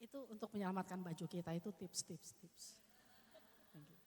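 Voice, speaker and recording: A woman's voice: on the low side, normal speed, a little mellow. A woman leading a church training session for children's ministry teachers, talking casually and acting out prayers and little scenes as she demonstrates. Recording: long reverb of a hall.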